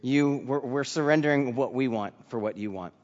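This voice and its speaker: A man's voice: medium pitch, normal speed. A man giving a sermon as a children's pastor, moving between personal testimony and Bible teaching. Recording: muffled sound in reverberant hall.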